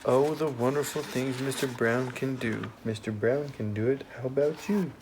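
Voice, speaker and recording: A man reading a picture book aloud to a toddler in a sing-song way, with playful sound effects and pauses for the child to copy him. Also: mid-range voice, fairly even intonation, background noise. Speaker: parent reading to a young child.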